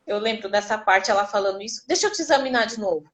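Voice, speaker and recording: A woman's voice: medium pitch, quick pace, a bit bright. A Brazilian woman telling her birth story casually and vividly, acting out the people she quotes. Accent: Brazilian Portuguese.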